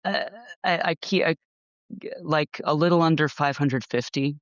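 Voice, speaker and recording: A man from Texas, an audiobook narrator, chatting in an interview with frequent pauses and fillers. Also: fairly high pitch, fairly bright tone, no echo. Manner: hesitant, many fillers. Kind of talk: casual interview chat. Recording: slightly dull, lo-fi sound.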